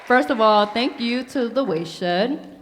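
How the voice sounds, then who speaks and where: A woman's voice: on the high side, slow pace. A woman presenting awards as a fashion show emcee, speaking to a live crowd. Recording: echoey hall, faint crowd noise. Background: crowd and event ambience.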